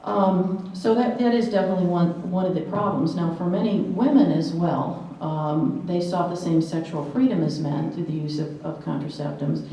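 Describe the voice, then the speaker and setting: In an echoey hall, a distant microphone catches a woman in her sixties lecturing a live audience in a lowish, dark voice. She keeps a moderate pace with few pauses, earnestly sharing personal anecdotes and dramatizing quotations.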